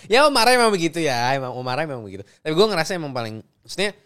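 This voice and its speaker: A man's voice: fairly high pitch, sing-song, very fast, a bit bright, clear, resonant tone. A young man, a guest actor in casual chat who laughs, fumbles and repeats himself.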